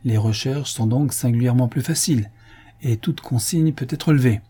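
A male audiobook narrator with a mellow, dark tone and a slightly husky edge. He reads in a measured, even storytelling manner. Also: medium pitch. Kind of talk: scripted narration.

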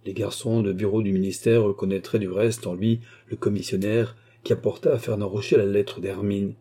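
Low, dark-voiced male audiobook narrator. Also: little pitch movement, normal speed, husky. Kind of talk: scripted narration of a classic novel.

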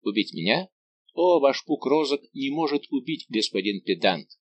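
A man voicing a scheming young nobleman who taunts and quickly flares into anger. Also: mid-range voice, lively intonation, a little hiss or hum, voice pushed up, natural voice. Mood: indignant. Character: scheming young nobleman, mocking and hot-tempered.

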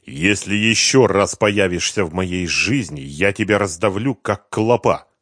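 A man's voice: low-pitched, fairly bright tone, no room sound, studio quality. A man doing a cold menacing avenger. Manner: measured, threatening, scornful.

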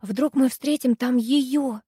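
A woman voicing a timid, frightened teenage schoolgirl who pleads in a high, breathy voice. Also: slow pace, warm tone, no echo, clean studio sound, full character voice. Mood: scared.

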